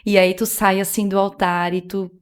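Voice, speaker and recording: A woman's voice: medium pitch, flat delivery, moderate pace, smooth. A woman guest, telling her faith testimony in casual chat, earnest and emotional, acting out remembered dialogue. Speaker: podcast guest.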